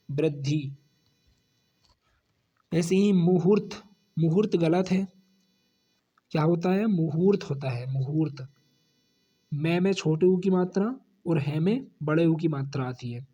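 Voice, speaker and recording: A man with a Hindi accent teaches spelling to students preparing for exams, repeating each corrected word and going low on the answer. His voice is dark and slightly rough, and the audio is dull.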